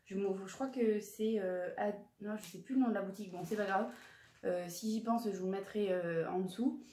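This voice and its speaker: A woman's voice: medium pitch, fairly quick, mellow. A woman in her twenties chatting casually in a haul vlog, hesitant and full of fillers as she shows what she bought. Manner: chatty, hesitant with many fillers and self-corrections. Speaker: vlogger showing her purchases. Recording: roomy echoey room.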